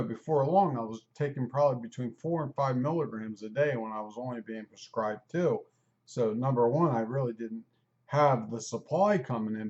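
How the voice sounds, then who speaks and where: A man in his fifties talking candidly and at length into the camera, rambling at a quick clip. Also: medium pitch, darkish tone, dull audio. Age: 50s. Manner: candid, rambling, talks fast on purpose. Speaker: vlogger. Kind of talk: personal video talk.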